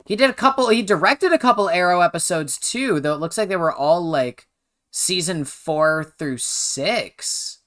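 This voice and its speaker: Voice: medium pitch, lively intonation, unhurried, fairly bright tone. A host giving casual, slangy reaction commentary on a TV episode, exclamatory and self-deprecating.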